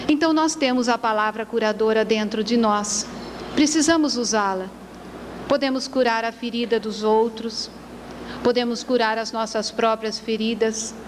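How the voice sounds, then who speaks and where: A woman gives a spiritist lecture in a lecture hall, telling her story slowly and with emphasis. Her voice is somewhat high. A long reverb follows her words, and faint traffic noise runs underneath.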